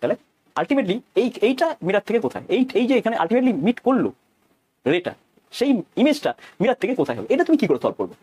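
A man's voice: high-pitched, sing-song, fast talker, a little mellow, breathy edge. A man with a Bengali accent teaching a physics lesson, talking through each step aloud, repeating phrases and asking his students questions.

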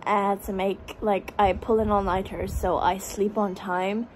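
A young woman in her twenties talks into a phone held at arm's length, chatty and self-mocking. She sounds tired from staying up all night and rambles in a casual vlog style. A faint hiss of noise sits behind her, with her pitch in an ordinary middle range. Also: level tone, unhurried, a little mellow, poor audio. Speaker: vlogger. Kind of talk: casual vlog chat to camera. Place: small bedroom indoors. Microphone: phone camera at arm's length.

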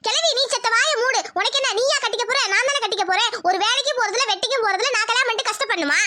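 A woman's voice: very high-pitched, very fast, sharp tone. Woman voicing a defiant young village woman. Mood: angry. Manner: defiant, rude.

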